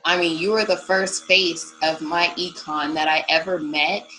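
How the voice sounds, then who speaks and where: A woman's voice: lowish voice, steady tone, a little slow, pushed and bright, slight background noise, low-quality recording. A woman joining an online meeting, speaking in a gushing, grateful way with lots of "like" fillers. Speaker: meeting participant. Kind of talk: casual call-in comment.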